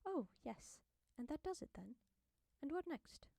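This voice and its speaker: Woman voicing a bright mocking young wife. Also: high voice, big pitch swings, measured pace, gravelly, no room sound, voice pushed up, full character voice. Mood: mocking gaiety. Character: poised mocking young wife, coolly ironic.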